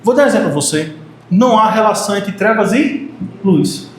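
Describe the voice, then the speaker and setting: Brazilian pastor, high voice, playful preaching, heavy church-hall echo. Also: male voice, moderate pace. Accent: Brazilian Portuguese. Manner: animated, joking with the congregation, acts out short quotes. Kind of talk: sermon. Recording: very echoey church hall, faint noise.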